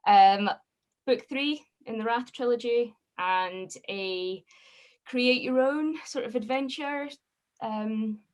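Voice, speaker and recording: A woman's voice: a little high, slow, darkish tone. A woman in her thirties with a Fife Scottish accent, chatting casually as an interview guest on a video call. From Scotland. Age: 30s. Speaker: guest author.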